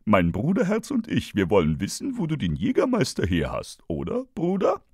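A man's voice: medium pitch, wildly swooping pitch, moderate pace, breathy edge, no echo, clean studio sound, heavily acted. A man voicing a laid-back young male fly with a lazy, drawling delivery.

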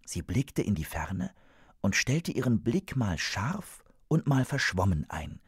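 A man narrating a children's story in an expressive, animated scripted reading. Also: on the low side, slow, husky, dry recording, clean studio sound.

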